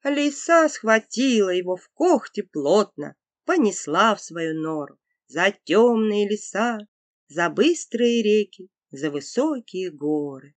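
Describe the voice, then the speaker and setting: A woman narrates a children's folk tale with lively, expressive intonation. She takes her time over each phrase, and the recording is dry. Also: medium pitch, slow pace, no echo. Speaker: storyteller. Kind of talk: scripted fairy-tale narration.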